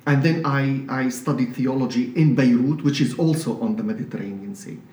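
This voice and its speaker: A man from Syria with a Syrian accent, a priest talking as an interview guest in a measured, explanatory way with frequent restarts. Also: medium pitch, darkish tone. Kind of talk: conversational interview. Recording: roomy, slightly distant mic with faint noise.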